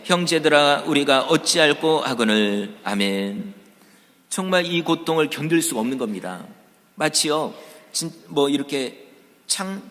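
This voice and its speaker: A man's voice: mid-range voice, a bit bright. A man preaching a Sunday sermon, talking straight to his congregation and acting out the voices of crowds in the story. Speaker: pastor. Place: church sanctuary. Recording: church hall reverb.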